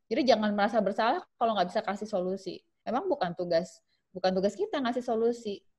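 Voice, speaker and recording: A woman with a mid-range, mellow, husky voice speaks quickly and with lively intonation as a psychiatrist giving an online webinar talk. She acts out short parent-child dialogues as examples, and the audio has the lo-fi quality of a video call.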